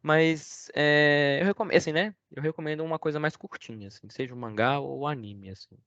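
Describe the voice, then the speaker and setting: A man's voice: on the high side, moderate pace, fairly bright tone, no echo. Man, Brazilian accent, hesitant rambling speaker, full of fillers, dry lo-fi call audio. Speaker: guest speaker. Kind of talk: casual online talk with Q&A.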